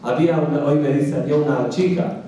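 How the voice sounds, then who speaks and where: A man, a rabbi teaching a Torah class, telling stories in an animated way and often correcting himself mid-sentence. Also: a little high, fast talker. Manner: animated storyteller, frequent self-corrections and restarts. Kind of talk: storytelling lecture to a small group. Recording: very echoey room, distant mic.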